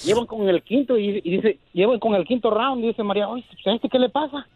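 A male caller with a fairly high voice tells a rambling joke over a tinny phone line. He is chatty and loose, and he repeats himself as he builds to the punchline. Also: a little fast, a little hiss or hum. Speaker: caller telling jokes.

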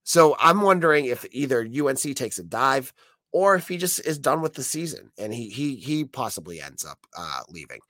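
An American man hosts a solo sports podcast in a close, dry recording. His voice is hoarse and froggy, as if under the weather, and it moves through lively rises and drops. He talks conversationally and emphatically, restarting sentences as he works through his opinions. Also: mid-range voice, moderate pace, no echo. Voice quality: hoarse, croaky frog voice. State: sick, hoarse voice.

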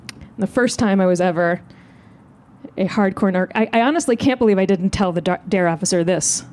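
A woman comedian telling a comic story live on stage, animated and self-mocking. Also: brisk. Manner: animated, self-mocking, jumps into high voices. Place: live show outdoors.

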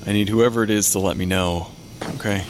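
A man's voice: lowish voice, fairly even intonation, brisk, slight background noise, natural voice. A man playing a weary, matter-of-fact medical examiner who talks to ghosts in an audio drama. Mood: apologetic, reassuring. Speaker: pathologist.

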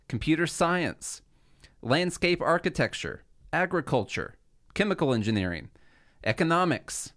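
A man co-hosting a casual podcast chat, calmly walking through figures and examples step by step. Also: medium pitch, dry recording, studio quality. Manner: measured, explanatory, walks through statistics step by step.

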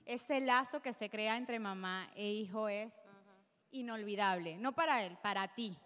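A woman's voice: medium pitch, unhurried, fairly bright tone. A woman in a live podcast audience giving encouraging advice. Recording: reverberant live venue.

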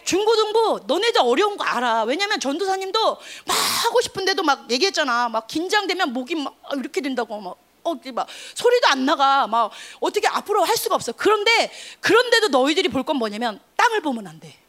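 A young woman youth pastor preaching an energetic sermon to teenagers, emphatic and animated, calling out for responses from the room. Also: high voice, quick pace, few pauses.

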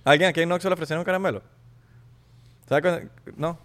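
A man's voice: fairly high pitch, fast talker. A man with a Venezuelan Spanish accent, co-hosting a casual podcast, telling stories in a joking, slangy way. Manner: animated, joking, slangy storytelling. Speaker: podcast co-host. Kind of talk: casual chat. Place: Miami.

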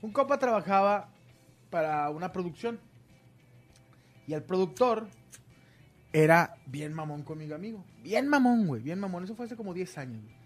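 High-voiced crude Mexican man telling stories. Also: normal speed, long pauses, faint music behind. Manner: animated, swears a lot, acts out voices in stories. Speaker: podcast co-host. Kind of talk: casual crude storytelling chat.

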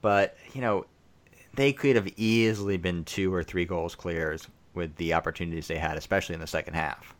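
Deep-voiced man breaking down tactics. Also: steady tone. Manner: analytical, measured tactical breakdown. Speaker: podcast co-host. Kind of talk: casual football podcast analysis.

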